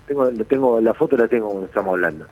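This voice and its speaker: A man's voice: on the low side, rapid-fire, highs cut off, faint music behind. A man with an Argentine accent, a former footballer telling stories as a radio guest, full of restarts and repeated words. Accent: Argentine Spanish. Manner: animated anecdotes, many restarts and repetitions. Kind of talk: radio storytelling.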